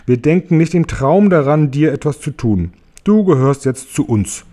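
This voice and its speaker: A man's voice: a little high, animated, normal speed, pitched above the performer's own voice, lightly acted. A man voicing a kindly, soothing giant ladybug in a storybook reading. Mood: gentle reassurance. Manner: soft, soothing, reassuring. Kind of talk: audiobook character voice.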